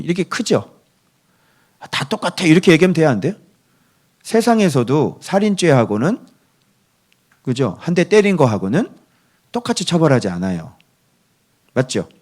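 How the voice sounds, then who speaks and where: A man's voice: medium pitch, a little mellow. A man preaching a morning devotional sermon as pastor, often asking his listeners for agreement and answering for them, and dropping to a whisper on quoted verses. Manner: asks the listeners for constant agreement, answers himself.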